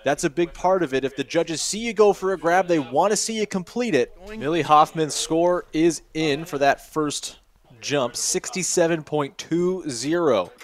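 A play-by-play commentator gives live coverage of a freestyle ski event in a voice a bit high for a man. At a moderate pace, he speaks steadily and informatively, announcing scores and naming tricks as they land.

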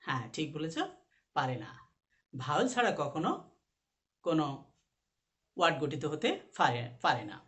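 A man's voice: fairly high pitch, lively intonation, normal speed, long pauses, fairly bright tone. A man teaching a recorded class, who asks his students questions and answers them himself. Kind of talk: recorded online class lesson. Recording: echoey room.

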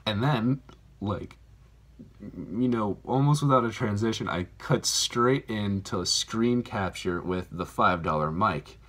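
Low-voiced man rambling to camera. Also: slow pace, fairly bright tone. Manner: rambling, self-deprecating, filler-heavy. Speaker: YouTuber, channel host. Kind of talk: casual vlog talk to camera. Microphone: phone camera mic.

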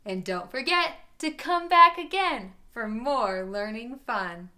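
A woman teacher giving a children's phonics lesson, sounding out each word slowly and clearly for young learners. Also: fairly high pitch, lively intonation, bright, forceful tone.

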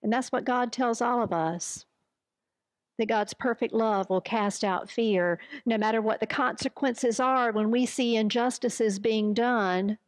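A woman pastor preaching a sermon in an earnest, measured way. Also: fairly high pitch, no room sound, studio quality.

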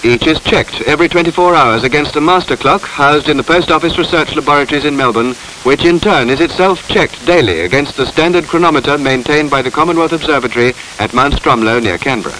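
A man narrates a 1950s documentary in formal, measured phrases. His voice sits a little higher than usual for a man. The old film soundtrack adds a light hiss. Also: pushed and bright, rough recording.

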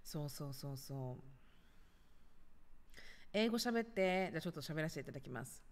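A woman's voice: low-pitched, lively intonation, moderate pace, big-room sound. A woman in her thirties chatting casually on a livestream from her apartment, reading viewer comments and acting out little scenes. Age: 30s. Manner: chatty, acts out little scenes in other voices, reads viewer comments aloud. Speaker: livestream host. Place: apartment home.

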